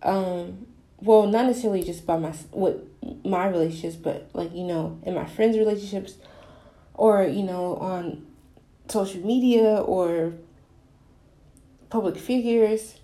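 Sitting in the bathtub of a small, echoey bathroom, a young adult woman hosts her podcast with an earnest, rambling confessional monologue. Her voice is medium-pitched and dark in tone, a little slow, with frequent pauses.

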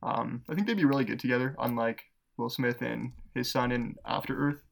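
A man co-hosting a podcast, pitching movie ideas in casual chat, laughing often and rambling with fillers. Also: fairly even intonation, a little fast, gravelly. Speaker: podcast co-host.

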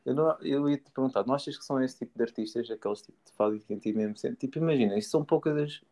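A man's voice: medium pitch, rapid-fire, dark tone. A young man chatting casually in an enthusiastic, slangy way. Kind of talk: casual chat.

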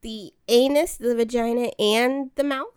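Woman, podcast guest, hesitant, very slow, smooth clear tone. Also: fairly high pitch, steady tone, darkish tone, dry recording, studio quality. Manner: hesitant, unsure. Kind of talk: casual chat.

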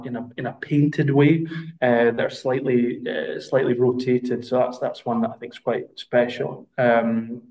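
Scottish male podcast guest, monotone, halting with fillers. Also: mid-range voice, poor audio. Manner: hesitant, many fillers and restarts. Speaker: brand representative guest. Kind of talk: podcast interview.

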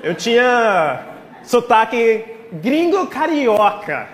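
A male guest preacher with a noticeably high voice and an American English accent in his Portuguese. He speaks to a congregation informally and with feeling. The sound rings with long reverb in a church hall, over faint noise. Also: very animated, very slow. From Texas, United States. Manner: heartfelt, emotional, playful asides. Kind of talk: informal sermon to a congregation, with prayer.

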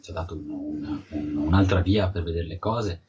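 A man's voice: very deep voice, moderate pace, darkish tone, a little hiss or hum. A man from Italy giving conversational technical answers in an interview, often repeating words and restarting as he explains. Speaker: interviewed field geology researcher. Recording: dull, muffled audio.

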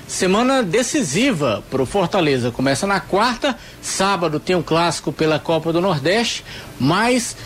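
A man giving a live spoken football report for radio. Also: sits high. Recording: clear background ambient noise.

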